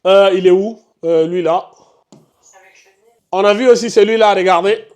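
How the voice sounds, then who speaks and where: A man's voice: high-pitched, steady tone, measured pace, a little mellow. A man teaching a live tajwid class, questioning students by name and insisting they concentrate. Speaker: Quran recitation teacher.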